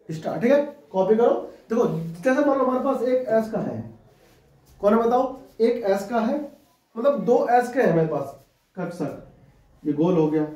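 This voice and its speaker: A man's voice: high voice, a little mellow. A man teaching a chemistry class, dictating notes and repeatedly asking students whether they have understood and copied it down. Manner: repetitive, keeps asking students to write and confirm. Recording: echoey room, from far off, dull sound.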